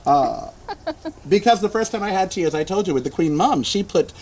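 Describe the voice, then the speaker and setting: A man's voice: sits high, lively intonation, fairly quick, darkish tone, a little hiss or hum, low-quality recording. An older man hosting a casual talk show, joking playfully with his guests. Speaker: host.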